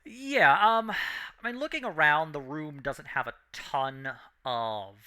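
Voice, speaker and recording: A man with a very bright, forward voice narrates as the game master of a tabletop role-playing session. He describes each scene in a loose, halting way, full of fillers. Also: a little high, lively intonation, clear, resonant tone. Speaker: dungeon master.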